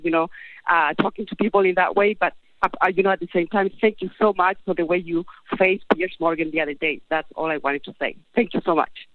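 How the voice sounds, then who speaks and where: A woman's voice: on the low side, dry recording. Hesitant woman caller on a phone line. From Chile. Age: 50s. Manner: hesitant, with many restarts and fillers. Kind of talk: phone-in call. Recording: tinny, dry phone line.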